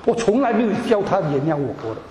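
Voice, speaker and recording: Recorded in an echoey hall with long reverb and a crowd audible behind him, a man from the church shares a heartfelt testimony with the congregation. He talks fast in a high-pitched, very animated voice, stammering, repeating himself, and dropping in English words.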